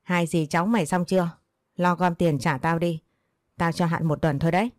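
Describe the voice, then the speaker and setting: A woman's voice: on the low side, steady tone, moderate pace, dry recording, studio quality, natural voice. A woman voicing a harsh older village moneylender woman who talks bluntly and rudely. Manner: blunt, bullying, rude.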